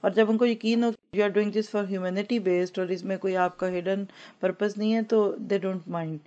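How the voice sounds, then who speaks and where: A woman teaching an Islamic lesson, mixing English words into her talk and slowly reciting Arabic phrases for the class to repeat. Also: medium pitch, steady tone, warm tone, highs cut off. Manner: Urdu-Hindi mixed with English words. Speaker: religious teacher.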